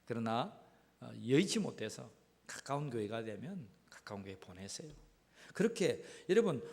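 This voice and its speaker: Gravelly pastor preaching in a hall. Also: male voice. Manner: emphatic preaching, swinging between loud calls and low asides. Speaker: senior pastor. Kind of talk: sermon. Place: church sanctuary. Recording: church hall reverb.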